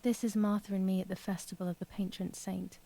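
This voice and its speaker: A grieving young sister, husky. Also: female voice, mid-range voice, flat delivery, quick pace, rough recording. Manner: quiet, reflective inner monologue. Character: young woman grieving her lost twin sister. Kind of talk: game voice-over narration.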